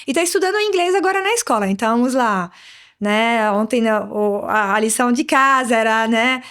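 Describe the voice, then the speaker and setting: A woman in her thirties from Morocco, an Arabic speaker, talking in a lively, chatty way as a guest in a casual interview. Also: on the high side, brisk, smooth. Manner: lively and chatty, often adds "né".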